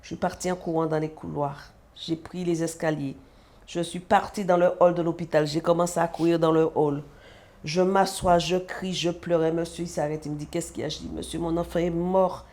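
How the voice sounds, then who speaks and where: A woman from the French Antilles, a mother, telling her personal story as a guest in an animated way and acting out the dialogue. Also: on the low side, moderate pace. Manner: animated, acts out quoted dialogue. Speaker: guest, mother of a sick child.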